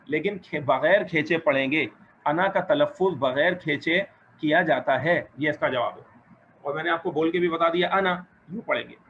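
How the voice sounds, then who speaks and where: A man teaching an Arabic grammar lesson to a class, asking questions, explaining rules patiently and encouraging his students. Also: on the high side. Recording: dull lo-fi recording with faint noise.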